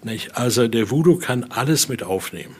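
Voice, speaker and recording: This husky, expressive male voice is medium-pitched and moves at a normal speed. He's a collector guiding people informally around a Voodoo altar exhibition, spinning stories and regularly tacking short questions onto his sentences.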